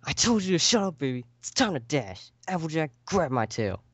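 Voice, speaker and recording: A man voicing a brash female pony who puts on a tough, manly front, delivering swaggering deadpan lines on a lo-fi voice call. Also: a little high, normal speed.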